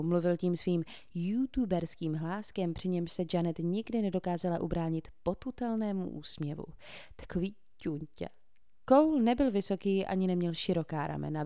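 A woman narrating a novel aloud, reading in a steady, clear way. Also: lowish voice, no echo, studio quality. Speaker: audiobook narrator. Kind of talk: scripted narration.

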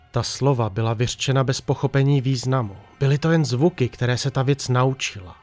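A man narrating a horror story in a tense, hushed storytelling manner. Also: mid-range voice.

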